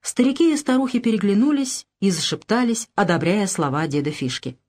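A woman narrating an audiobook with expressive storytelling. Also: medium pitch, fairly quick.

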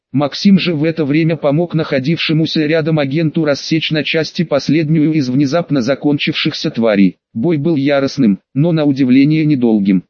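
A man reads a first-person audiobook in a steady, measured way. His voice sits slightly high and sounds close and dry, with no room echo. The audio is a little muffled and lo-fi. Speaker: audiobook narrator.

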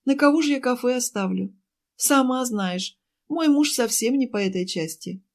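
A woman voicing a chatty, fussing woman who runs a cafe, pleading and talking fast in an audiobook. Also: a little high, lively intonation, a little mellow, pitched above the performer's own voice. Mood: fussy, pleading. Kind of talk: audiobook character voice.

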